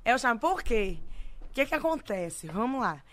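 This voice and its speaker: A Brazilian woman singer telling stories in casual, slangy chat, animated and laughing often. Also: on the high side, moderate pace, crowd noise. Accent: Brazilian Portuguese. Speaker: singer guest.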